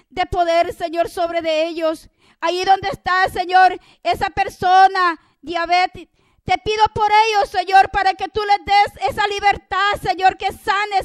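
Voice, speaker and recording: A woman's voice: extremely high pitch, no echo. A woman preaching and then praying aloud on a TV program, fervent, calling "Lord" between every phrase. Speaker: preacher leading prayer on a TV program. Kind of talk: sermon and spoken prayer.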